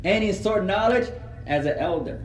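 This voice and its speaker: Man from the United States, religious teacher, earnest and repetitive, fairly high voice, roomy echo, mic far off. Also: moderate pace, slight background noise. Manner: earnest, repeats words for emphasis, mixes in Arabic phrases. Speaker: Islamic teacher. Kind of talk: religious lesson.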